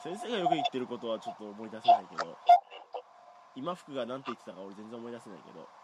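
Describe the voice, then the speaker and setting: Young male podcast host, rambling self-mocking chatter, animated delivery. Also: mid-range voice, rapid-fire. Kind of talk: casual chat. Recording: loud background noise.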